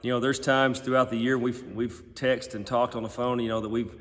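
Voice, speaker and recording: A man hosting a casual chat in a halting, folksy way, echoing inside a barn. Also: medium pitch, little pitch movement, a bit bright. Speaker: host.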